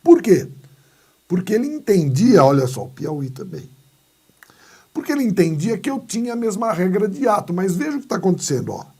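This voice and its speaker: A man's voice: sits high, big pitch swings, brisk, mellow, slightly rough. A Brazilian man teaching a grammar lesson, asking and answering his own questions and acting out little skits. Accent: Brazilian Portuguese. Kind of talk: lively classroom lesson with playful asides. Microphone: recorded video lesson.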